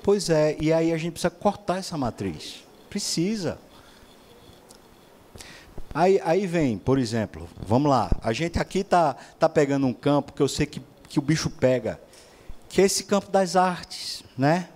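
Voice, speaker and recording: A man's voice: fairly high pitch, expressive, unhurried, a little mellow. A man preaching a sermon, asking rhetorical questions and acting out other people's voices.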